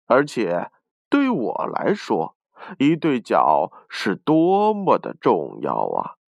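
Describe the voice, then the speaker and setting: A man's voice: medium pitch, huge pitch swings, slow, gravelly, dry recording, dull audio, heavily acted. A man voicing a big, evasive and overly polite male dragon in a storybook tale. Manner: flustered, evasive.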